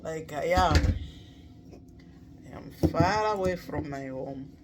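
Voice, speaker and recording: A man from Malawi, talking slowly and reflectively in a casual vlog, with many pauses and fillers. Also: on the high side, very noisy. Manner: halting, many pauses and "you know" fillers, clears throat often. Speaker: vlogger.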